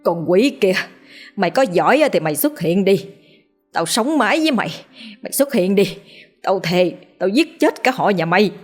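A woman narrator voicing a middle-aged village father who speaks with anguish and fury, in her own slightly husky voice. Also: on the low side, normal speed, soft background music, natural voice. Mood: furious. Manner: pleading, raging calls.

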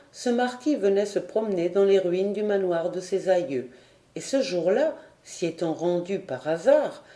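A woman reading a classic storybook aloud in a calm, measured narration. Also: medium pitch. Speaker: audiobook reader. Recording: roomy echo.

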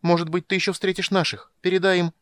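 A man's voice: lively intonation, normal speed, fairly bright tone, no room sound, close to an everyday voice. A man reading an audiobook, voicing an impulsive, passionate young woman in a raised voice. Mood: urgent pleading. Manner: raises pitch to voice a young woman, earnest and emotional. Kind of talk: audiobook character voice.

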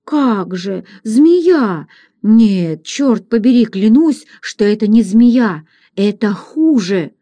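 A woman reading aloud, voicing a gruff, blunt frontier hunter who talks in a low, plain manner. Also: expressive, slow pace, dark tone.

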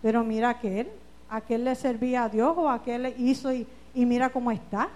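A woman preaching a fervent church sermon, calling out hallelujahs and shouting scripture. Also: a little high, steady tone, fairly quick. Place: church sanctuary.

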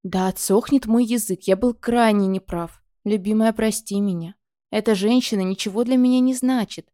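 A woman voicing a gentle, coaxing adult male dragon husband who speaks softly and tenderly, in a storybook reading. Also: medium pitch, steady tone, normal speed, no echo, clean studio sound, close to an everyday voice. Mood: pleading. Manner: soft, pleading, tender.

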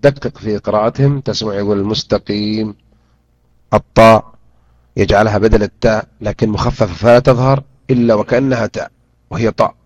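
A man teaching a Quran interpretation lesson, drilling pronunciation and repeating words slowly and deliberately. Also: fairly low pitch, fairly even intonation, no echo. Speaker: Islamic teacher. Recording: dull lo-fi recording.

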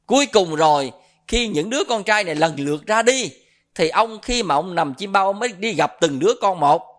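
A man's voice: sits high, expressive, moderate pace, a bit bright. A middle-aged man with a Southern Vietnamese accent giving a Buddhist dharma talk as a monk, telling stories and quizzing his listeners with questions. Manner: storytelling, quizzes the audience with questions.

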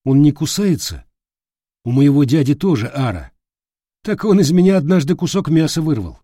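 A man's voice: a little high, sing-song, normal speed, mellow, dry recording, studio quality. A man voicing a jumpy, pragmatic young man in an audiobook. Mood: grumbling. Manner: nervous, defensive. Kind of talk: audiobook character voice.

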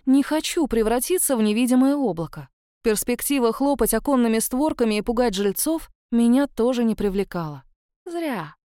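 Woman with a mellow, dry narration voice. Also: fairly high pitch, smooth, no room sound. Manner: even, measured first-person storytelling. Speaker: audiobook narrator. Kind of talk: scripted narration.

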